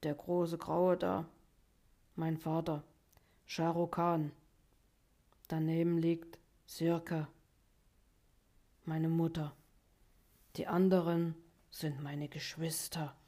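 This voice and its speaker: A woman's voice: level tone, slow pace, long pauses, mellow. A woman voicing a proud, injured young male wolf in a storybook reading, brooding and terse. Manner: brooding, terse, low-spoken.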